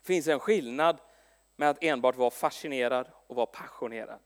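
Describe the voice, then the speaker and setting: A man preaching a sermon, telling stories in a lively way with frequent restarts and stumbles. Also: mid-range voice. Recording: long echo in a large hall.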